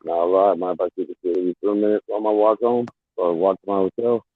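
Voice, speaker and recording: A man's voice: sits low, fairly even intonation, quick pace, dry recording. A man joining a casual voice chat through a muffled bluetooth headset mic that makes him sound underwater and hard to make out. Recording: garbled phone-like headset audio.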